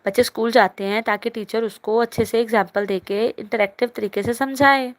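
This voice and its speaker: Young woman, teacher, live online class, phone mic, chatty, teasing, fairly high voice. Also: fairly even intonation, a little fast. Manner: chatty, teasing, reads comments aloud. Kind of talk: live online class, reading chat comments.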